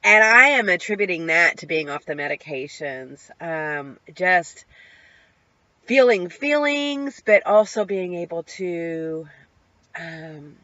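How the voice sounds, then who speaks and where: A woman's voice: lowish voice, animated, slow, bright, forceful tone, no echo. A middle-aged woman speaks in a personal video diary, open and heartfelt. She rambles a little, with plenty of ums and restarted sentences. The audio is slightly dull and lo-fi. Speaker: vlogger sharing her recovery.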